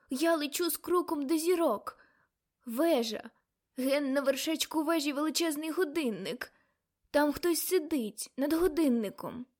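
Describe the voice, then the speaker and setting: A woman reading an audiobook, voicing an elderly great-aunt who sees visions in a trance, her voice raised high and loud. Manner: dreamy, then shrill and frightened.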